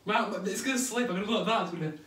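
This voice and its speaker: A man's voice: sits high, rapid-fire, fairly bright tone. A young British man vlogging in a casual chat, hesitant and self-deprecating, recorded from a distance in an echoey room. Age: young adult. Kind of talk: casual vlog banter. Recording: echoey room, far from mic, crowd behind.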